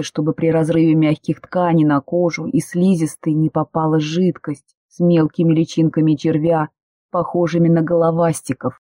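Mellow husky audiobook narrator. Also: mid-range voice, dry recording, studio quality. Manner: steady, measured storytelling.

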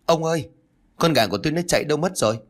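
A man's voice: on the low side, fairly quick, lightly acted. A man voicing an anxious elderly village wife who talks in a fretful, pleading way. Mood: worried.

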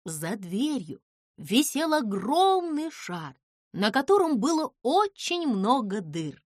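A woman narrating a children's audiobook in a slow, expressive storytelling manner. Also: fairly high pitch, dry recording, studio quality.

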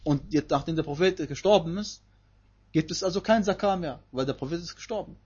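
Male Quran teacher, husky tone, emphatic explainer, dull lo-fi audio. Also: fairly high pitch, brisk, a little mellow. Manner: explanatory, emphatic, recites Arabic verses. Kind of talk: Quran commentary lesson.

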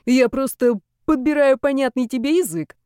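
A woman's voice: high-pitched, moderate pace, warm tone, clear, resonant tone, no room sound, clean studio sound, voice pushed up, lightly acted. A woman voicing a brash, teasing young man who talks in pushy slang.

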